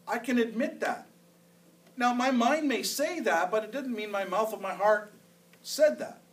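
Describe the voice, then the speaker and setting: A man's voice: high-pitched, unhurried, distant mic, low-quality recording. A man preaching a sermon as pastor, in a conversational style that repeats phrases for emphasis. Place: church sanctuary.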